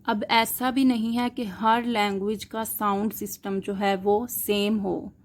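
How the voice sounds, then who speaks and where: A woman teaching linguistics in a lecture, explaining terms step by step, asking questions and answering them herself, and mixing English words into her Hindi. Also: medium pitch. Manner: slow, deliberate, spells out examples letter by letter.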